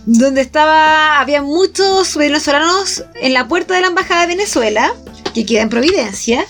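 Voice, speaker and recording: A woman with a Chilean accent, chatting casually as a co-host and telling stories in an animated way. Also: high-pitched, moderate pace, faint music behind. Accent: Chilean Spanish. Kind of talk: casual chat.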